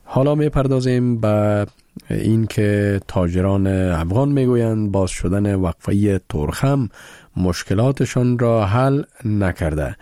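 Guy hosting radio news, calm and formal, dark warm tone, very dry. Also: on the low side, dry recording. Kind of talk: scripted news presentation.

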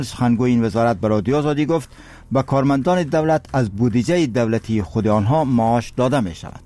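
A male radio newsreader with an Afghan accent delivers scripted news solemnly and formally. His voice is mellow and dark, of middling pitch, with faint music behind it.

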